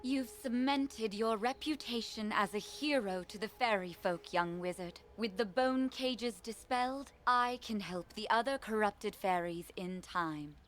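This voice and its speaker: A woman voicing a wise, solemn female guide in a video game, speaking in a deliberate, dramatic way. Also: medium pitch, a little hiss or hum, close to an everyday voice. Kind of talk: video game character acting.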